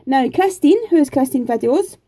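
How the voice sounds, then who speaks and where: A Scottish woman in her forties answers viewer questions in a casual chat, rambling a little in a homely, chatty way full of fillers. Her voice is high, animated and mellow, at a moderate pace.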